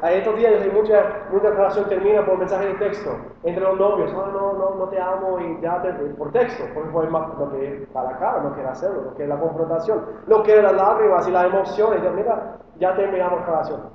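High-voiced pastor preaching in an echoey hall. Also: male voice, a little fast, hardly any pauses. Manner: earnest, rises high for acted quotes and questions. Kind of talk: sermon. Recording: distant echoey hall, dull sound, faint hiss.

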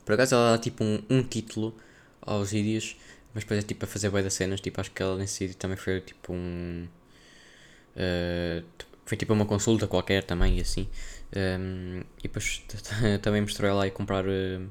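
A man's voice: deep voice, flat delivery, a little fast, smooth. A young man with a European Portuguese accent chatting casually on a solo podcast, rambling and slangy as he thinks aloud. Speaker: podcast host.

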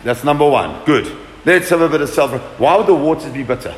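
A man's voice: on the high side, lively intonation, fairly quick, slight background noise. A man teaching a Torah class to a group, asking questions and answering them with emphasis. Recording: echoey room with long reverb.

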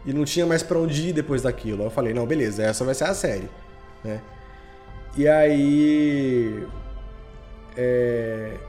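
In a casual, informal chat full of slang, a podcast creator with a Brazilian accent answers an interviewer's questions. He has a warm, mid-range voice, and music can be heard underneath.

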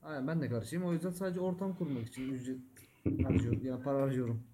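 A man's voice: mid-range voice, quick pace, mellow, a little hiss or hum. A man co-hosting a podcast in casual chat, often checking that his listener gets it. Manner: keeps asking "you get it?". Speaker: podcast co-host.

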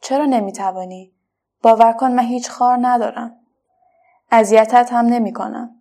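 A woman voicing a lonely, gentle artificial red flower in a children's story, speaking softly and wistfully. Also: on the high side, steady tone. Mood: hopeful. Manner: soft, wistful, quietly pleading.

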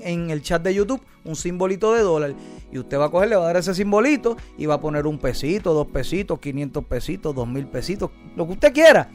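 Male talk host, high-pitched, playful and slangy, faint music underneath. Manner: joking, slangy, lively. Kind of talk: casual interview chat.

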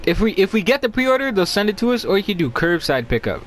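A man's voice: high-pitched, very animated, quick pace, a little hiss or hum. A young man co-hosting a podcast in casual, slangy banter, repeating himself for emphasis. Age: young adult. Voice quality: slangy speech. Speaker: podcast co-host.

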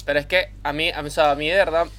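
A man's voice: fairly high pitch, fairly even intonation, sharp tone, slight background noise. A young man from Venezuela with a Venezuelan accent, talking emphatically in casual podcast chat. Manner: emphatic, rapid, repetitive. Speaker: podcast co-host.

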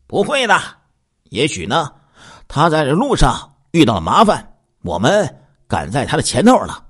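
A man voicing a smooth-talking young male con man who speaks in a suave, flattering, confident way. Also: a little high, normal speed, pitched above the performer's own voice, full character voice. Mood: suave, reassuring.

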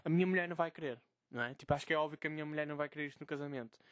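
A man's voice: fairly high pitch, rapid-fire, a bit bright, dry recording, studio quality. A young man with a Portuguese accent ranting in a casual solo podcast from his bedroom, swearing freely and mocking the people he quotes. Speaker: podcast host.

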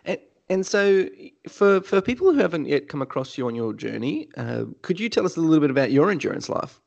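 A man's voice: fairly high pitch, sing-song, brisk, vocal fry. A man hosting a podcast interview, enthusiastic and a bit stumbling as he welcomes his guest. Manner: enthusiastic, stumbling over words. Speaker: podcast host. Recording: dull lo-fi sound.

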